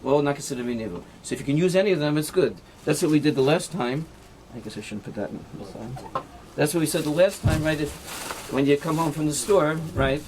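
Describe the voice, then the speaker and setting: A man's voice: fairly high pitch, brisk, few pauses, background noise. A man, a rabbi, teaching an informal halacha class, explaining and demonstrating knots step by step, checking with "right?" and mixing in Hebrew and Yiddish terms. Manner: demonstrates knots with his hands while talking.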